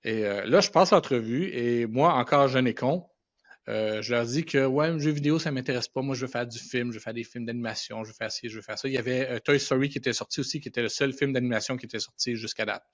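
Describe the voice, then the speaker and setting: A middle-aged Quebec man with a medium-pitched voice talks fast, casually telling anecdotes as a podcast guest in colloquial French peppered with English words. He works in animation and visual effects. The podcast audio sounds dull and band-limited.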